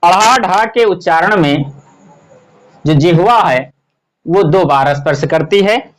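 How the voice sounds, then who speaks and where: A male teacher walks slowly through a grammar lesson. He poses a question and then answers it himself, as in a classroom drill. He lists example words one by one at an unhurried pace. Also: high voice, animated.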